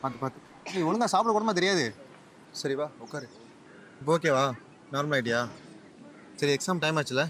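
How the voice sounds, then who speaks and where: A young man acting as a caring boyfriend in a web series, speaking gently and reassuringly, with music underneath. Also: on the high side, moderate pace, pauses often, background noise, close to an everyday voice. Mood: coaxing.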